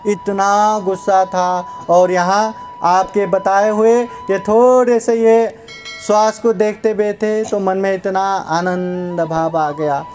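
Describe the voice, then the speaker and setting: An indignant, questioning Brahmin, as a preacher acts him out, his voice raised high and pressing. The words come in a slow, measured way. Faint music sits in the background. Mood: wondering. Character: angry, bewildered Brahmin man.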